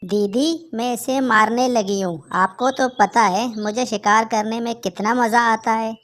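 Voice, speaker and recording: A woman's voice: on the high side, steady tone, measured pace, fairly bright tone. A woman voicing a hungry, meddling younger sister kite bird in a cartoon, eager and scolding. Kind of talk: Hindi cartoon voice acting.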